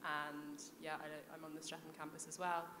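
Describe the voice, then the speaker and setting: In an echoey hall with clear noise, a young woman introduces herself casually to an audience. Her voice is on the low side. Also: flat delivery, moderate pace. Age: early 20s. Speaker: panel speaker, third-year student. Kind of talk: casual self-introduction on a panel.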